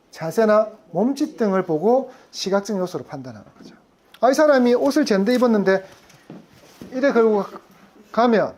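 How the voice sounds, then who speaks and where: An insurance sales lecturer from the Gyeongsang region gives a lively classroom lecture. Her pitch is animated, and she constantly quizzes the room with questions for the audience.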